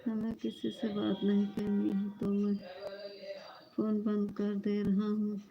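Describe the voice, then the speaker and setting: A woman's voice: medium pitch, completely flat delivery, unhurried, muffled recording, soft background music. A woman with an Awadhi-flavoured Hindi accent, hosting a livestream and chatting casually with viewers in a coaxing way. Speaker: livestream host.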